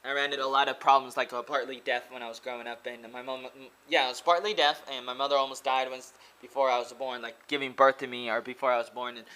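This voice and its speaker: A young American vlogger and English teacher from Oregon, in his twenties, delivers a casual, earnest monologue to his laptop webcam up close in a small room. His medium-pitched voice is bright and forceful, level in tone, fast and nearly pause-free as he rambles, repeats himself, and says "like" a lot.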